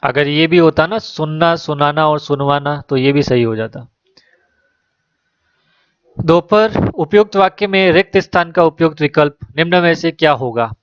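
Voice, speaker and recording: Male exam-prep teacher, fairly high voice, dry dull lo-fi sound, reads options then gives answers. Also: normal speed, no echo. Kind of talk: exam question walkthrough.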